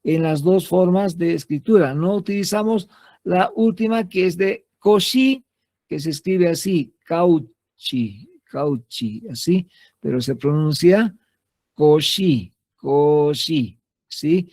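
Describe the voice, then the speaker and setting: A math teacher lectures his class unhurriedly in a slightly high, soft, mellow voice rather than a bright one, patiently repeating key terms and constantly checking in with a frequent "¿sí?". The sound is dry and close, with no room echo.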